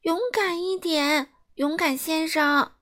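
Whimpering acrobat lady, very high, as a woman puts her on. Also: steady tone, slow, a bit bright, exaggerated voice. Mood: tearful. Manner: whimpering, pleading. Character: lonely, tearful young acrobat lady.

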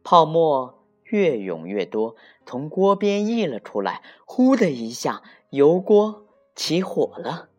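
A storyteller reading a children's picture book aloud in a slow, expressive way. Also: mid-range voice, soft background music.

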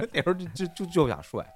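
A man's voice: high voice, fairly bright tone. A young man telling a drinking story in casual podcast chat, swearing often and laughing through his punchlines.

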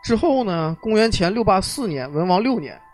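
A man's voice: sits high, normal speed, faint music behind. Joking storyteller man. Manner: lively, joking, colloquial storyteller. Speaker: podcast host telling history. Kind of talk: casual storytelling chat.

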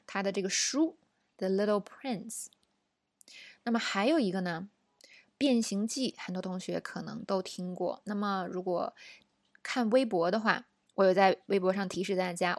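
Woman, chatty lesson host, mid pitch, dry close recording. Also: no echo. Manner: chatty, explaining with frequent rhetorical questions. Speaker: English teacher. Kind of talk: casual language lesson.

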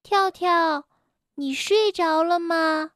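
A woman voicing an excitable young male rabbit in a children's story, who is quick to anger and bursts out in shrill, indignant cries. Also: dry recording, studio quality, heavily acted. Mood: timid.

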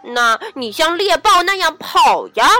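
A woman voicing a big, grumpy elephant who speaks in a huffy, heavy, slow way in a children's story. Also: high voice, sing-song, bright, forceful tone, heavily acted.

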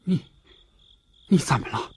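An actor playing a timid but stubborn male monk master who speaks softly and frets, in a TV drama. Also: a little slow, natural voice. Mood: reproachful. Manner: soft, fretful, pleading. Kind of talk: TV drama acting.

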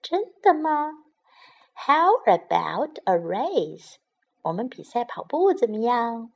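A woman voicing a boastful male rabbit in a children's story, saying each line slowly in English and then again in Chinese. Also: on the high side, very animated, vocal fry, dull audio, heavily acted. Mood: cocky.

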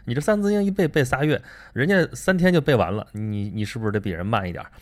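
A man hosting a casual talk, animated and chatty, asking himself rhetorical questions. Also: medium pitch, quick pace. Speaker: podcast host. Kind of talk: casual monologue on learning and reading.

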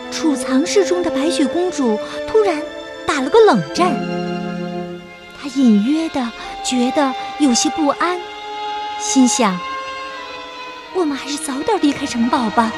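A woman reading a children's story aloud in a gentle, slow and expressive way. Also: high-pitched. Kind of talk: scripted children's story narration. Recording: narration over loud music.

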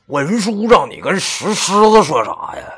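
A man playing a laid-back, boastful male buddy talking on the phone, full of flavor and teasing. His pitch swings lively and upward, and his voice is bright and animated. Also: measured pace, husky, heavily acted. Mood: puzzled. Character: chatty middle-aged male buddy on the phone.

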